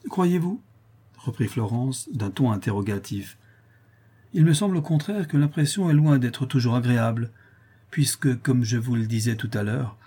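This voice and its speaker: A man's voice: mid-range voice, dark tone, breathy edge. A man reading a novel aloud as an audiobook narrator, lifting his voice slightly for the characters' lines. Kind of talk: scripted narration.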